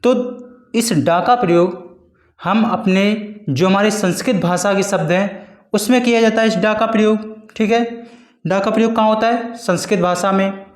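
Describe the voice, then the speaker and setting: A man teaching a Hindi grammar lesson for exam preparation, explaining slowly and repeating points, with frequent check-ins. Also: sits high, reverberant.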